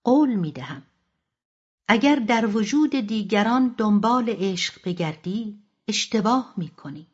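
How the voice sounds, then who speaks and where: A woman's voice: mid-range voice, lively intonation, breathy edge. A woman reading the part of a troubled middle-aged husband who pleads in a shaky, tense voice, in a dull lo-fi audiobook recording. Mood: pleading.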